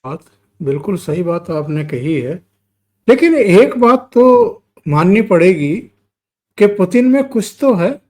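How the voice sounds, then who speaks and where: High-voiced Indian host. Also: male voice, sing-song, takes it slowly, a little mellow. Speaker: show host. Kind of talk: casual political discussion.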